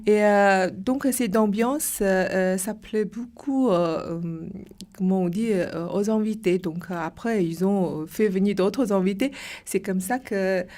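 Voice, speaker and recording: A woman's voice: mid-range voice, unhurried, a little mellow. Hesitant woman from China, searching for words. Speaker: club co-founder guest. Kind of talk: interview.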